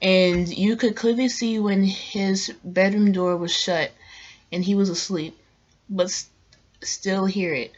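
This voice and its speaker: A woman's voice: medium pitch, fairly even intonation, takes it slowly, lo-fi sound. A young woman reading a ghost story aloud in a casual vlog, chatty and sometimes stumbling on words. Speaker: co-host reading scary stories.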